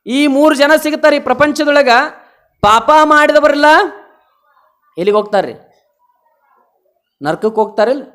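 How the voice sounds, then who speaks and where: A man's voice: very high-pitched, normal speed, long pauses, a bit bright. An older man with a North Karnataka Kannada accent giving a folksy sermon at a festival gathering, often asking his listeners questions. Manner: folksy, asks the audience questions. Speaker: pravachan preacher.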